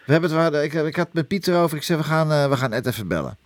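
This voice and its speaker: A man hosting a casual radio chat in a halting, repetitive way, often ending on tag questions to seek agreement. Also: a little high, expressive, no echo. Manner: chatty, halting, repeats himself, seeks agreement with tag questions. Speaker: radio host. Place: dry radio studio.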